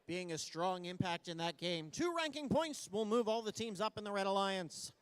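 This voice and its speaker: A man giving live play-by-play commentary as an event announcer, in an excited delivery. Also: high voice, moderate pace, clean tone, dry recording. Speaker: play-by-play announcer at a robotics competition.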